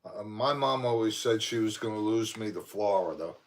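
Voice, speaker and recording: Man, somewhat low voice, laid-back co-host, casual storytelling. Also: moderate pace. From New York. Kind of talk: casual livestream chat.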